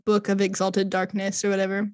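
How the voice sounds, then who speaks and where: A woman's voice: mid-range voice, monotone, brisk, dry recording. A woman co-hosting a podcast in casual chat, rambling and laughing often. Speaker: podcast co-host.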